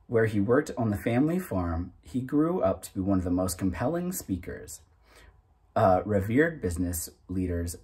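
A man in his thirties reads a self-help booklet aloud as a narrator. His voice is very husky, and he delivers the text deliberately and emphatically with animated pitch.

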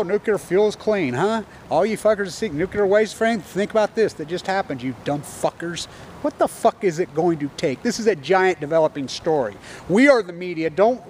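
A man's voice: high-pitched, slight background noise. A man in his fifties ranting urgently and profanely into a phone camera held at arm's length outdoors. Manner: agitated, profane, urgent shouting rant. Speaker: video blogger. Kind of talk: angry selfie rant. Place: outdoors on a campus lawn.

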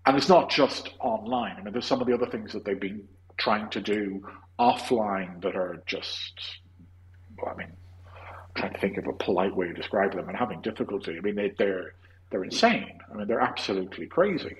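A man's voice: on the low side, moderate pace, low-quality recording. An Irish man hosting a casual podcast discussion, opinionated and rambling, restarting his sentences often. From Ireland. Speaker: podcast host.

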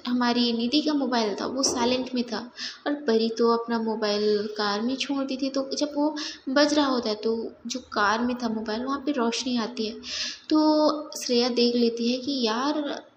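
A woman's voice: a little high, measured pace, echoey room, a little hiss or hum. A young woman narrating a love story casually and conversationally to her subscribers, mixing in English words. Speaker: storyteller, channel host.

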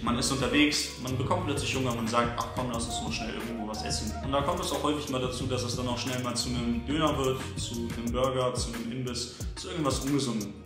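A fitness coach talks straight to the camera, setting up each point with a question before answering it briskly. His voice sits at an ordinary middle pitch. The room around him is strongly echoey, and music plays clearly beneath his voice. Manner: brisk, structured, poses questions then answers them. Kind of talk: direct-to-camera advice video. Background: background music.

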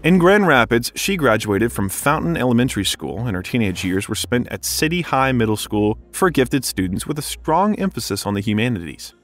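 A male narrator reading a biography script with a lively, swinging pitch. His mid-range voice carries steadily through the text, with faint music underneath. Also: brisk, few pauses. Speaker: documentary narrator.

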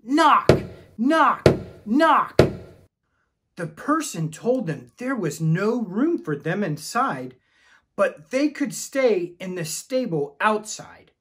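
A man telling a Bible story to children in an animated, sing-song voice that rises and falls widely. His tone is slightly husky, his pace unhurried, and he keeps inviting the kids to shout and knock along with him. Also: sits high. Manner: enthusiastic, calls for the audience to join in. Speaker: children's ministry leader.

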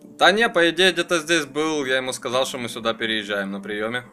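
This is easygoing ham radio banter from an amateur operator checking his antenna, full of friendly informal language and short radio phrases. The man's voice sits at medium pitch and runs a little fast over a noisy background.

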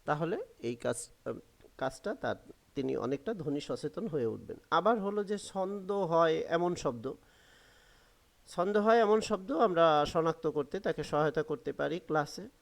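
A man with a Bangladeshi Bengali accent, a teacher trainer explaining a lesson in a halting way, with many fillers, spelling out example words slowly. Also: fairly high pitch, lively intonation, creaky.

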